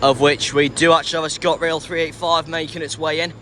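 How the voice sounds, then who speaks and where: A man with a slightly high voice gives casual vlog commentary over clear station noise. He talks hesitantly, correcting himself as he goes. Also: little pitch movement, brisk, pushed and bright. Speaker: trainspotting vlogger. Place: large railway station.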